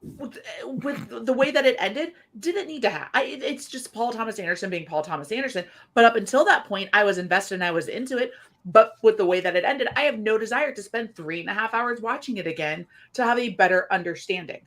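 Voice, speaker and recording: A woman's voice: a little high, expressive, a little fast, fairly bright tone. A woman on a podcast, chatting casually in a chatty, self-deprecating way.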